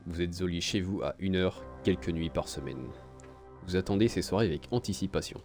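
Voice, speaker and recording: A man's voice: deep voice, fairly quick, music in the background. A man playing a video game on stream, reading its story text aloud and adding casual, crude asides. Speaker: let's play streamer.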